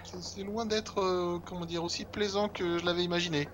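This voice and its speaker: A man's voice: high-pitched, steady tone, a little fast, fairly bright tone, slight background noise. A man playing a prim stammering young lady. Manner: stammering, overly formal. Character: genteel young lady traveler, prim and polite. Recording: faint music behind.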